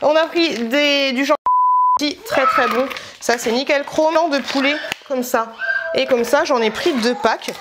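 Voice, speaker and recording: A woman's voice: high voice, a little slow, heavy background noise. A woman vlogger chatting at home in a casual, slangy, rambling way as she shows her shopping. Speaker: vlogger showing a grocery haul. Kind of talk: casual chat.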